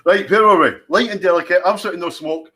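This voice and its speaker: A man's voice: high voice, very fast, sharp tone. A Scottish man hosting a whisky tasting, talking in a chatty, teasing way and savouring his descriptions. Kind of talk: casual tasting commentary.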